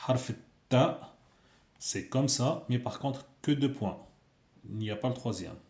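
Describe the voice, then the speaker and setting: A man's voice: medium pitch, unhurried, vocal fry, a little mellow. A man teaching a casual video lesson, patiently repeating sounds for learners. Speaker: Arabic teacher. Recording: echoey room.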